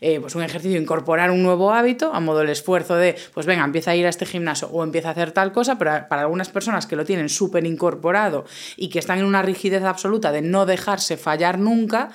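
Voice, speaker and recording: A woman's voice: on the low side, quick pace. A woman hosting a casual interview, thinking aloud in a reflective way with hesitant restarts. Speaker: podcast host.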